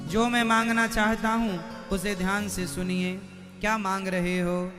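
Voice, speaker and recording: High, bright-voiced man preaching slowly. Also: flat delivery, big-room sound, faint music behind. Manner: slow, emphatic, addresses listeners directly with questions. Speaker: preacher of religious storytelling. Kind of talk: devotional sermon with sung verses.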